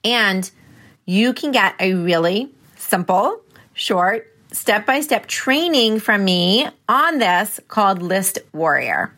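A woman coach talks through her method in a loose, chatty way and keeps checking in with her listeners. Her voice is bright and forward, sitting at an ordinary middle pitch. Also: sing-song, takes it slowly. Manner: chatty and playful, keeps asking "right?". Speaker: productivity coach. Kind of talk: casual teaching monologue.

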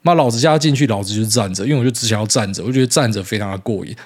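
A man's voice: on the low side, very fast, breathy edge. A man in his thirties with a Taiwanese Mandarin accent, hosting a casual solo podcast in a rambling, blunt way with mild swearing. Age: 30s. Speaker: podcast host.

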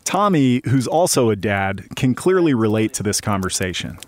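A male reporter narrating a documentary piece in a measured, reflective way. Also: on the low side, big pitch swings, dry recording.

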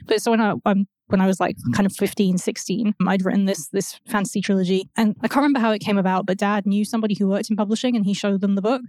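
Female podcast guest, 30s, mid-pitched, informal and self-effacing, recorded dry. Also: fairly even intonation, quick pace, few pauses, darkish tone, no echo. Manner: informal, self-deprecating, sweary. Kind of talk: casual chat.

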